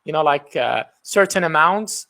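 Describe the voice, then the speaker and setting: Recorded on a professional microphone, an Iraqi man, an English teacher and student, engages in casual conversation practice. He sounds fairly high-pitched, expressive, gravelly and sharp, speaking at a moderate pace while opinionatedly arguing his points.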